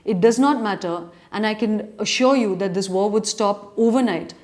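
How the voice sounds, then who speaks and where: Her darkish voice sits at medium pitch and moves at a moderate pace. An educated urban Indian journalist and commentator, she takes on reader questions with earnest argument, laying it out in long, deliberate sentences.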